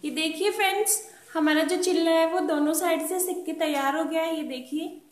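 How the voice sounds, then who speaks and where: A woman hosting her cooking channel, calmly and patiently walking through a recipe step by step at a gas stove in a home kitchen and repeating her tips. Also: extremely high pitch, a little fast. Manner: calm, patient instructional talk, repeats tips. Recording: roomy kitchen echo with pan sounds.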